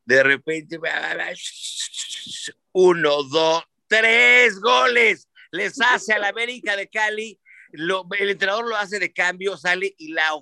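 Slow and sitting high, with vocal fry and no echo, this voice belongs to a Mexican Spanish-accented man hosting a casual chat. He recounts sports stories animatedly and profanely, performing the voices of those he quotes.

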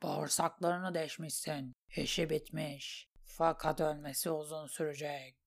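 A woman voicing a wounded, hulking male warrior who speaks low, curt and scornful. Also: steady tone, measured pace, creaky, heavily acted. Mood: contemptuous.

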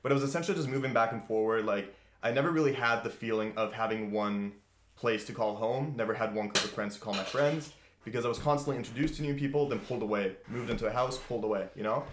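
A man's voice: medium pitch, quick pace, a little hiss or hum. A man in his twenties from Austria, hosting a podcast and talking loosely and candidly. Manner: loose and candid, lots of "like" and swearing. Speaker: podcast host. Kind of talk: casual podcast chat. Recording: echoey room.

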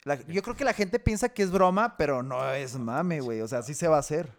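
Young Mexican co-host, high voice, teasing and slangy. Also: male voice, lively intonation, a little fast. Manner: teasing, slang-heavy, loud bursts. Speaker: podcast co-host. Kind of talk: casual podcast banter.

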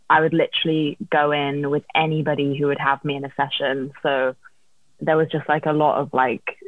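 A woman's voice: low voice, no room sound, narrow, tinny audio. A woman songwriter being interviewed, chatting casually about her career over thin call audio. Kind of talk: casual chat, telling career story.

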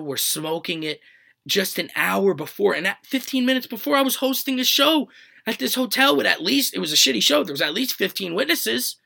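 A man with a gravelly, sharply bright voice pitched a little high tells a story in a comedian's monologue. He swears freely and acts out dialogue with exasperated energy.

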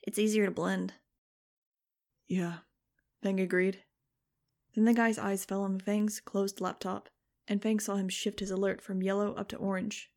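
Flat, even woman narrator. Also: mid-range voice, unhurried, gravelly, long pauses. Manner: steady, even storytelling. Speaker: audiobook narrator. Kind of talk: scripted narration.

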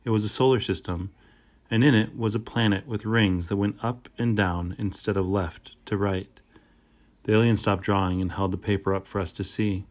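A man narrating a children's audiobook in a steady, plain first-person storytelling manner. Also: lowish voice, normal speed.

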